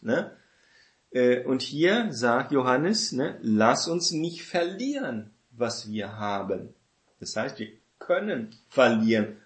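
A man leads an informal Bible study in a relaxed, conversational way. He repeats key phrases, poses rhetorical questions and keeps checking in with listeners with "ne?". His voice is of middling pitch and rings with the echo of the room. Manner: conversational, often adds "ne?" as a tag. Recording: echoey room.

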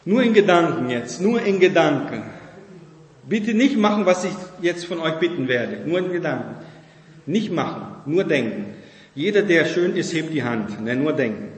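A man's voice: on the high side, sing-song, moderate pace. Man preaching in an echoey hall. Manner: conversational preaching with frequent "ne?" tags. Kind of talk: sermon. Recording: echoey hall with long reverb.

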